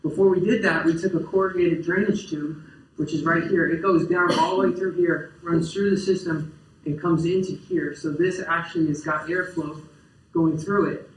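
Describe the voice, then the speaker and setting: A young man with a slightly high voice gives a conference talk about farm tools. His delivery is relaxed and unscripted, with frequent fillers and restarted phrases. The sound is picked up from out in the audience, so the lecture hall's echo is clearly audible. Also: normal speed. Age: young adult. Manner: casual, many fillers and restarts. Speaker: farmer giving a talk. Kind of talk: conference presentation. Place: lecture hall. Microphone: distant camera in the audience. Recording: roomy lecture hall echo.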